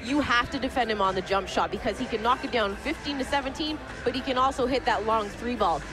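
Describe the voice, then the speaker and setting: A woman gives pre-game basketball analysis in a fairly high voice. She phrases her points deliberately, with music clearly audible behind her. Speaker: sports broadcast commentator. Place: indoor sports arena.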